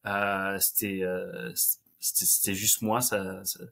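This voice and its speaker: A Frenchman joins a podcast as a guest over a video call, talking with many hesitations and some self-mocking humor in a conversational interview. His voice sits low and sharp, with vocal fry, a flat delivery and a slow pace.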